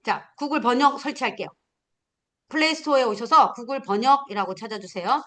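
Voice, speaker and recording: A middle-aged woman teaching a class of future smartphone instructors, animated, acting out learners and firing off questions. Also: on the high side, brisk. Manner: animated, acts out learners and scolding, punchy questions. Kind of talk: lively classroom lecture.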